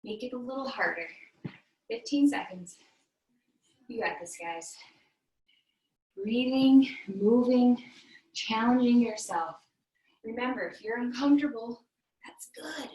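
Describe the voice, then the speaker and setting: Woman leading an online workout, slow and clear cues, sounds far off from the mic in a small echoey room. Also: fairly high pitch, animated, darkish tone, dull audio. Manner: counts down reps and cues form while exercising. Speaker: fitness instructor. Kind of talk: coaching a virtual workout class. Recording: roomy echo, mic at a distance, faint noise.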